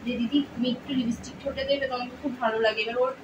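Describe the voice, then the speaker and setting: A young woman playing a mistreated elder stepdaughter who speaks softly and pleads. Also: on the high side, steady tone, rapid-fire, dull audio, natural voice. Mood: pleading. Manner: soft, pleading. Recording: roomy room, mic far off, clear background noise.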